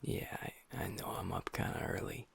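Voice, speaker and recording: A man voicing Ash, a gentle young werewolf boyfriend and pack beta, weighed down by guilt, talking softly and intimately to his partner in an audio roleplay. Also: moderate pace, whispered, natural voice. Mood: subdued. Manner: soft, hushed, intimate talk to a partner.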